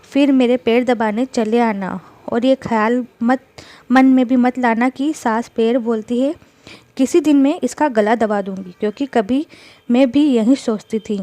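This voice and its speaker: A woman's voice: fairly high pitch, a little slow, dry recording, natural voice. Woman voicing a fierce, scolding mother-in-law. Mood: teasing, tender. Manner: scolding, sharp rebukes. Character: stern fierce older mother-in-law, protective of her daughter-in-law.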